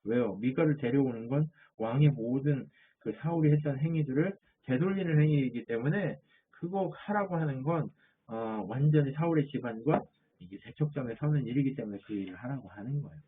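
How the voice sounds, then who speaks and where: A man's voice: mid-range voice, expressive, fairly quick, slight background noise. A man preaching a sermon as a pastor, asking his listeners questions and answering them himself. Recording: tinny phone-like audio.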